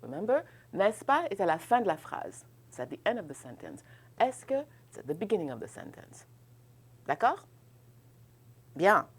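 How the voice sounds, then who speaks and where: Her voice is medium-pitched and sing-song with a breathy edge, at a moderate pace with frequent pauses. She's teaching a bilingual French grammar class, explaining in English and modelling questions with strongly rising intonation. She laughs lightly and checks in often with "ok?".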